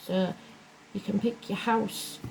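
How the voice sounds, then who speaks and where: A woman's voice: medium pitch, fairly even intonation, slow pace, darkish tone, low-quality recording. A woman giving an informal horoscope reading in a plain-spoken, rambling way, as host of a zodiac series. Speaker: tarot and astrology reader, host of a weekly zodiac reading. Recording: clear fan noise behind the voice. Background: whirring fan.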